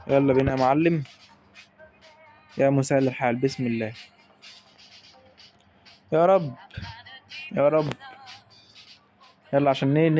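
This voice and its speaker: A man's voice: mid-range voice, a little mellow. A young man with an Egyptian accent giving hyped live gameplay commentary on a football video game, calling out to the players on screen. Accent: Egyptian Arabic. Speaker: gaming YouTuber.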